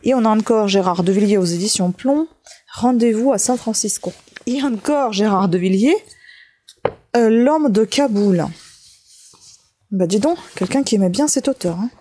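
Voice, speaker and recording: Chatty woman with a mellow voice. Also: mid-range voice, husky. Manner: chatty, thinking aloud while handling items, frequent "hein". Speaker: vlogger sorting books from bulky-item collection. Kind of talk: casual running commentary.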